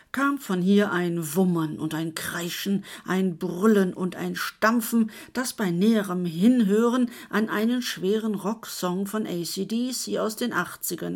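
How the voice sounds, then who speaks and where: Female story narrator, measured delivery, medium pitch. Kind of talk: scripted narration.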